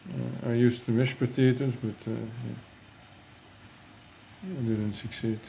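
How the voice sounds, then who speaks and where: A man with a French accent speaks slowly and hesitantly, often stopping to restart a phrase. His voice is mellow and his pitch stays flat, with faint ambient noise behind him. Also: gravelly, poor audio. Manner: hesitant, many fillers and restarts. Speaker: fish breeder. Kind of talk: casual hobby vlog.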